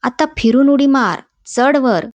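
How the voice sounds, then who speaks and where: A friendly village boy coaxes a frightened friend in a storybook reading, put on by a woman reader. The voice is a little high. It sounds dull and dry. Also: measured pace, no room sound. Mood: encouraging. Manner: coaxing, encouraging.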